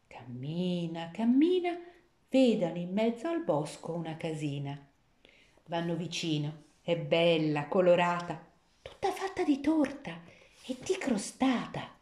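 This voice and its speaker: Slow, expressive woman reading rhymed verse. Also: on the low side. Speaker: storyteller. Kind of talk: rhymed fairy-tale narration. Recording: echoey room.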